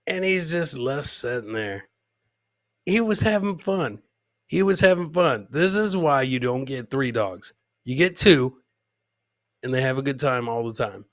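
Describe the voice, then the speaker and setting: In clean, dry studio sound, a middle-aged comedy podcaster chats casually on a live stream with an expressive, medium-pitched, fairly bright voice, speaking a little slowly. He swears, repeats phrases for emphasis, and plays to the crowd.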